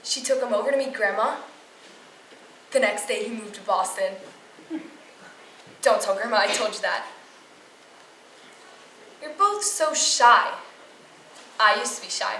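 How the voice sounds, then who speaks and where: A woman's voice: fairly high pitch, unhurried, pauses often, bright, forceful tone. A woman playing a guileless, chatty, kindly aunt consoling her nephews in a stage play. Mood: tender, guileless. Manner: guileless, rambling. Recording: roomy, distant mic, clear noise.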